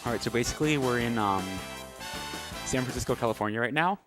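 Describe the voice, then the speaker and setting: A speedrunner with a mid-range voice talks at a quick pace over loud game music. His live commentary while playing through a video game is casual, hesitant and understated.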